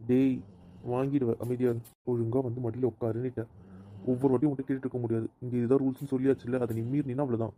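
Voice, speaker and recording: A commanding young husband who teases and sets rules , as a man acts him. He talks quickly with a very dark, mellow tone. It is an amateur audio drama. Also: medium pitch, little pitch movement, slight background noise, close to an everyday voice. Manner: commanding, teasing. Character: bossy, teasing young husband.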